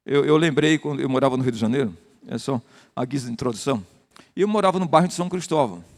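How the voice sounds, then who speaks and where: A man's voice: medium pitch, fast talker, in a large hall. An older Brazilian man, a pastor, teaching a Bible study and greeting people in the congregation by name. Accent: Brazilian Portuguese. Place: church hall.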